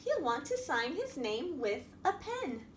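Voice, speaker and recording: A children's librarian hosting storytime reads a picture book aloud to young children, her very high-pitched voice sing-song, expressive and unhurried as she asks them questions. She sits at a wooden table by a window indoors, filmed by a camera across the table. The room is echoey with background noise.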